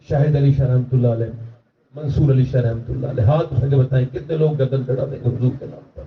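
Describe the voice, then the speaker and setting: A man giving an impassioned religious speech to a large gathering, his voice climbing to strained high shouts. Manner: rises to high, strained shouting during retold dialogue. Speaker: preacher. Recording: distant, roomy, dull lo-fi sound.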